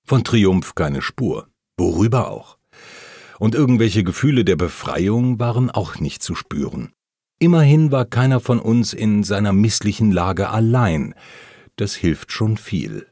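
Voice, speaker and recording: A man reading a first-person memoir aloud, telling the story calmly and plainly while voicing the quoted lines. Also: fairly low pitch, unhurried, no echo, clean studio sound. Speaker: audiobook narrator.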